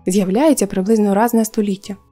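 A woman voicing a calm wandering male creature who speaks reassuringly. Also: mid-range voice, a little fast, soft background music, natural voice. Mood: matter-of-fact.

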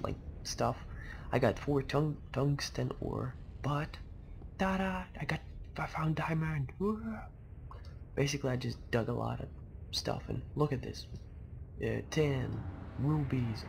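Hushed, creaky young man gaming quietly. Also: mid-range voice. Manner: speaking quietly at night, hushed so as not to wake others; halting, rambling. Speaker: gaming video host. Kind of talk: casual game commentary. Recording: noisy home microphone recording.

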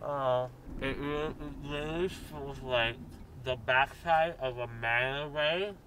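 Young male vlogger, slow groggy delivery with a numb mouth, casual, faint noise on a handheld camera. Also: medium pitch, fairly even intonation. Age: young adult. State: groggy, numb-mouthed after dental surgery and anesthesia. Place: car and home kitchen. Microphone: handheld camera or phone at arm's length. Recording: noisy handheld vlog audio.

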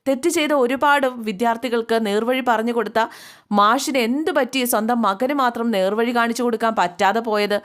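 Brief: firm, steady young wife defending her husband, read out by a woman storyteller, bright pitch. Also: brisk, lightly acted. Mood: resolute. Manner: firm, resolute.

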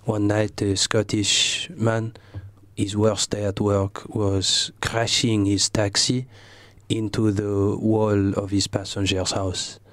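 A man playing an aloof, pompous French gentleman, speaking with a French accent in a deadpan, languid way. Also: lowish voice, takes it slowly, no room sound. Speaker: comedian guest. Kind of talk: in-character comic interview.

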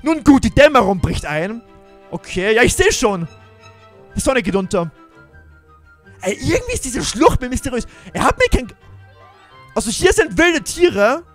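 A man's voice: very high voice, sing-song, normal speed, pauses often, soft background music. A man giving jumpy, exclaiming commentary on a Minecraft role-play adventure, talking straight to his viewers. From Germany. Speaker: gaming YouTuber.

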